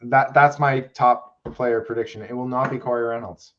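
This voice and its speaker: A man's voice: medium pitch, steady tone, normal speed, fairly bright tone. A man co-hosting a podcast, easygoing as he wraps up the show. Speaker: podcast co-host. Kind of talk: casual podcast chat. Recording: dull lo-fi sound.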